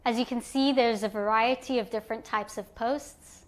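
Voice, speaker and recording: A woman's voice: fairly high pitch, steady tone, normal speed. Woman explaining a platform step by step. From Zimbabwe. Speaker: platform presenter. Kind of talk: guided screen walkthrough.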